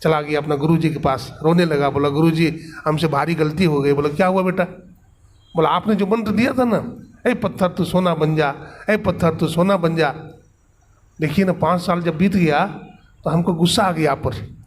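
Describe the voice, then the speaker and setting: A man gives a sermon as a spiritual teacher, telling a parable and voicing its characters. His voice sits a little high. A faint hiss of noise runs under the recording. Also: normal speed. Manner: acts out the characters' quotes in the story. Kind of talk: storytelling sermon.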